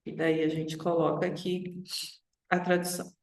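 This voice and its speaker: Speaking at a moderate pace in a fairly low, level voice, a Brazilian teacher gives viewers an online English lesson. She instructs clearly and often tosses in quick tag questions, all in an echoing, roomy space.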